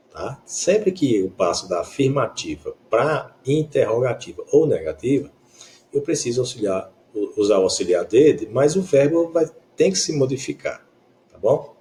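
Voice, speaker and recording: A man with a Brazilian accent teaches an English grammar lesson in Portuguese, explaining patiently and often making sure students are following. His mid-range voice is mellow, with a little hiss or hum in the recording.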